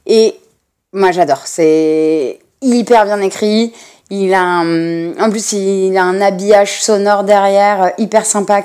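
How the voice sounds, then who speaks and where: A woman's voice: medium pitch, a little mellow. Young woman, podcast host; casual, rambling delivery, lots of restarts. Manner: chatty, rambling, many fillers and restarts. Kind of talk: casual personal podcast monologue.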